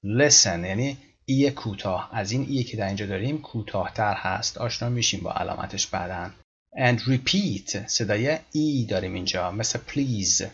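A man teaching English pronunciation, patiently repeating words slowly to demonstrate. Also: on the low side, highs cut off, slight background noise. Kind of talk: explaining pronunciation in a lesson.

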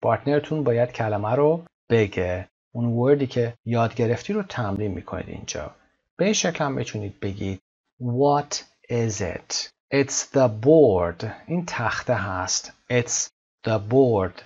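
Man teaching english, husky voice, muffled lo-fi sound, fast explanations and slow drawn-out example words. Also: medium pitch, expressive, darkish tone. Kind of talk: textbook lesson. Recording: dull lo-fi recording.

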